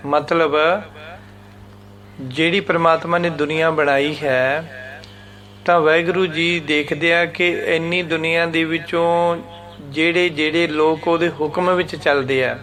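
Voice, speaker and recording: A man with a Punjabi accent teaching scripture, reciting each line slowly and then breaking down its pronunciation and meaning patiently. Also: fairly high pitch, a bit bright. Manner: slow, patient explaining, chants lines then repeats them syllable by syllable. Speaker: Gurbani teacher. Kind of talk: religious scripture lesson.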